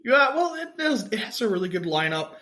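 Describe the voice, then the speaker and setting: A man's voice: high-pitched, sing-song, brisk, sharp tone. Jokey young man with a Wisconsin accent. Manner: jokey, announcer-style fight intros. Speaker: podcast co-host. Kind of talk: casual chat.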